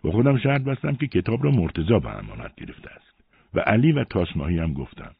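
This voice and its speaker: A man with a very low, husky voice reads a first-person story with lively, shifting intonation. The sound is narrow and thin, like a phone line. The room sounds dry and close. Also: no room sound. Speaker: audiobook narrator.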